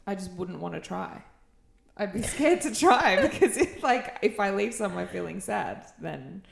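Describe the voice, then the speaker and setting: A woman's voice: medium pitch, lively intonation, moderate pace, gravelly, roomy sound, noisy background. A woman in her twenties co-hosting a podcast, telling stories in casual chat, laughing often and swearing freely. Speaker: podcast co-host.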